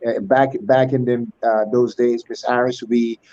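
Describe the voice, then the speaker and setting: A man's voice: medium pitch, level tone, a little slow, a little mellow, no room sound, lo-fi sound. A man in his sixties, a school alumnus speaking as a guest on an online panel, with ornate, churchly phrasing and many fillers and restarts. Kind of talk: formal online panel talk.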